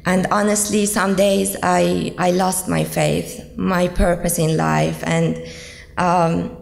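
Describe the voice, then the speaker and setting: Speaking slowly and flatly in a lowish, gravelly voice, a young woman from Iran delivers an earnest student testimony, hesitating often with ums. The hall is echoey, with long reverb.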